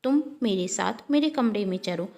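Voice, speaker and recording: A woman's voice: mid-range voice, lively intonation, normal speed, creaky, a little mellow. A woman voicing a selfish young daughter-in-law who complains and gossips. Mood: complaining.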